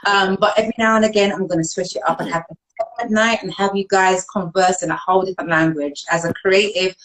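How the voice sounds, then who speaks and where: British woman, live-stream host, chatty, mid-pitched, on a video call. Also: steady tone, fast talker, fairly bright tone, low-quality recording. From United Kingdom. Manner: chatty, laughs often, thinks aloud while reading comments. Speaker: host of a live online show. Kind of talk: casual live-stream chat.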